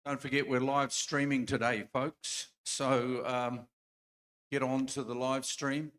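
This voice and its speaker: A man's voice: mid-range voice, flat delivery, slow pace, a bit bright. A man hosting a conference, announcing panels in a loose, off-the-cuff way with frequent fillers. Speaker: event host. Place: conference hall stage.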